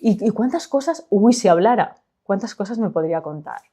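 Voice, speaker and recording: Speaking at moderate pace and medium pitch, this Spanish-accented woman from Spain is an author reading her own story. She first talks about it in a lively, animated way, gesturing as she goes, then narrates it into a studio microphone.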